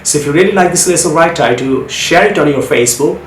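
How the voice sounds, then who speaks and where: A man's voice: on the high side, lively intonation, takes it slowly, soft background music. A man, a Bengali speaker, teaching English pronunciation and repeating each example word twice. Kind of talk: online language lesson. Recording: echoey room, faint background hiss.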